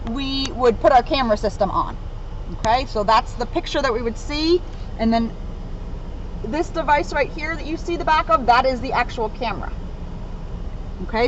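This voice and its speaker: Speaking to children, a high-voiced policewoman reads them a story and casually explains the police equipment she shows them around her police car. The audio quality is poor, muffled, and carries faint noise.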